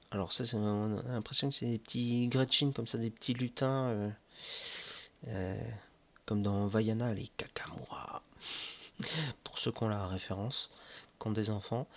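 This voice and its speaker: Slow, halting man showing miniatures. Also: fairly low pitch, a bit bright. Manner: slow, hesitant, many fillers. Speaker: board game reviewer. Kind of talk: casual unboxing commentary. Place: indoors at home near board games.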